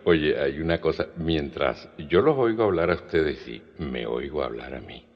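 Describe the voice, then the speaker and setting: A man's voice: very deep voice, animated. Older Colombian coastal man telling stories. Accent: Colombian Caribbean coastal. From Caribbean coast of Colombia. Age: 60s. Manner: unhurried storytelling, spells words out slowly. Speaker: storyteller guest. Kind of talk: anecdotal talk at a cultural gathering. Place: cultural event venue. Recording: dull lo-fi recording in a reverberant hall.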